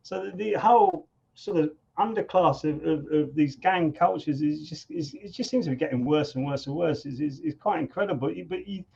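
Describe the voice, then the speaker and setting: A man, a guest musician telling stories in a conversational interview, animated and often repeating words as he thinks. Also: fairly high pitch, moderate pace, creaky, a little hiss or hum. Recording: dull lo-fi sound.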